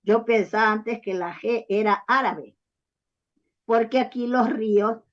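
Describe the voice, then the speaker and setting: A woman's voice: fairly high pitch, steady tone, a little slow. A woman author giving long, rambling interview answers, full of false starts and check-ins with the listener. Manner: rambling, often checks in with "¿sabes?" and "¿ah?"; frequent false starts and hesitations. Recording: dull lo-fi recording.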